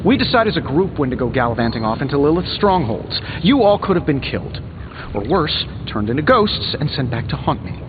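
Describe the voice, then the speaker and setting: A man's voice: fairly high pitch, very animated, fairly quick, muffled recording, noisy background. A man playing a cocky, wisecracking armored billionaire superhero in a video game, glib and sarcastic. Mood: dry, determined. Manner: glib, sarcastic, quippy banter.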